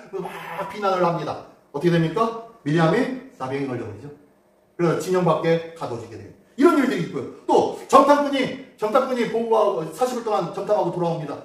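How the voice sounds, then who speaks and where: A male pastor preaching a Sunday sermon, telling the story in a lively way and asking the congregation questions. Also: high voice, far from the mic. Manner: animated storytelling, acts out quotes and asks the congregation questions. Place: church sanctuary. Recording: very echoey hall, voice from afar.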